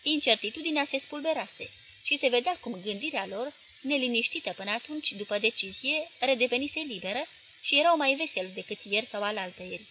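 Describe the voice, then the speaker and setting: A woman narrating a novel as an audiobook in a measured, expressive reading. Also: fairly high pitch, poor audio. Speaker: audiobook reader.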